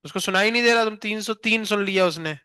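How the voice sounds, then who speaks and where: A man's voice: high-pitched, quick pace, bright, forceful tone, clear, resonant tone, dry recording, studio quality. A male physics teacher in a classroom, firing questions at students and teasing them, with an Indian accent in his English.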